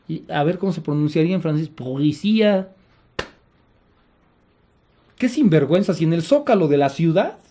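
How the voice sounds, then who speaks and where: Mexican guy ranting sarcastic about politics, pretty high voice, middle-aged host. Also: mellow. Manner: sarcastic and indignant. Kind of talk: political commentary monologue.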